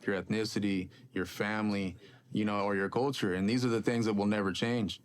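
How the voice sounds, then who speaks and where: A man's voice: lowish voice, steady tone, a little fast. A man in a casual interview, speaking earnestly and dropping street slang.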